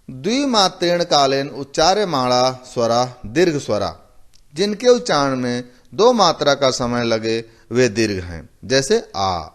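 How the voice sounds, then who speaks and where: A male teacher giving a slow, methodical lecture, repeating each term and explaining it with simple examples. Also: mid-range voice. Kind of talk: recorded classroom lecture.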